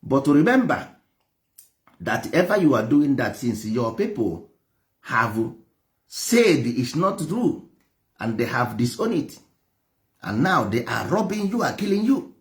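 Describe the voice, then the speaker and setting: A traditional religion teacher from Igboland, Nigeria, whose first language is Igbo, preaches and lectures with passion in an Igbo-accented voice. His voice is mid-range with big pitch swings, an unhurried pace, and long pauses. He hammers his points home with repeated phrases and rhetorical questions.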